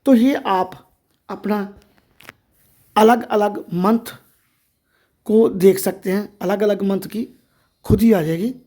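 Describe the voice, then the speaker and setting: A woman presents a step-by-step tutorial. Her voice is mid-pitched and soft-edged, with little brightness. She explains each point by addressing the listener directly. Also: takes it slowly, pauses often. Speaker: tutorial host. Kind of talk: step-by-step screen reader tutorial.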